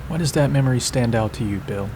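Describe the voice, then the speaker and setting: Guy acting a calm therapist in a film, questions like cross examination, noisy hum behind. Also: mid-range voice, quick pace, natural voice. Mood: probing. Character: calm male prison therapist questioning violent inmates. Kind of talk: film drama dialogue. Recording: clear background room hum and noise.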